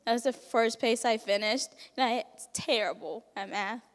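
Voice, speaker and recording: At a banquet, a teenage resident gives an open personal testimonial in English, which isn't her native language, laughing often and imitating what people said. She speaks at a moderate pace in a little high voice with a big-room sound.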